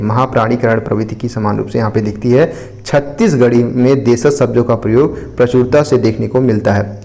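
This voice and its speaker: A man's voice: mid-range voice, mellow. A man, explaining and revising an exam answer in a repetitive teaching manner. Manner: explanatory, repeats points with frequent "ठीक है".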